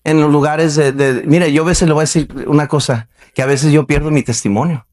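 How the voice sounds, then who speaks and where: A man's voice: on the high side, fairly even intonation, a little fast, a little mellow. Man preaching a Baptist sermon. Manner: conversational preaching with rhetorical questions to the congregation. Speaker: pastor. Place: church sanctuary.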